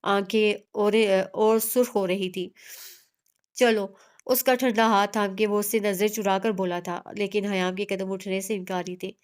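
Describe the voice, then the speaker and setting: A woman's voice: mid-range voice, flat delivery, moderate pace, hardly any pauses, smooth. A woman narrating a romance novel aloud, reading every character herself with small slips and restarts. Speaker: novel reader.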